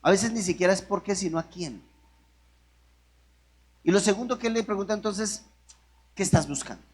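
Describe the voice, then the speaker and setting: Man, preacher, fairly high voice, conversational sermon, keeps asking the congregation questions. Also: normal speed, breathy edge. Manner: asks the congregation many rhetorical questions; conversational, with restarts and jokes.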